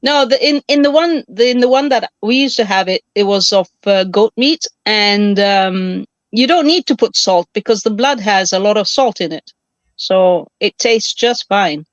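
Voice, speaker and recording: A woman's voice: mid-range voice, normal speed, no echo. Woman from Kenya on a dull call line. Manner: chatty, eager to explain, talks over others. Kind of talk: casual chat. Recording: dull, dry lo-fi call audio.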